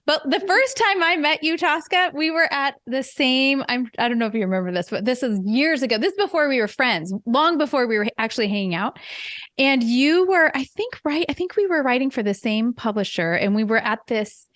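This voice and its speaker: A woman's voice: sits high, lively intonation, fairly quick, a bit bright, no room sound. A middle-aged woman hosting a podcast in casual conversation, chatty with self-deprecating humor. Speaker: podcast host.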